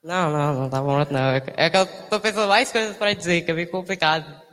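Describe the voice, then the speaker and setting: A young man speaks in a casual church testimony. He sounds emotional and halting, often restarting his sentences. His voice rings with long reverb in a big hall. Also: fairly high pitch, fairly bright tone. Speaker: church member giving testimony.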